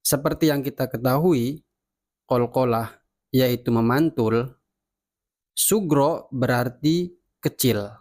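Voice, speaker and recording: A man teaches Quran recitation rules at an unhurried pace. He is patient and repeats each example word slowly. His voice sits in a plain middle pitch. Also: darkish tone. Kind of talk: slow step-by-step tajwid lesson.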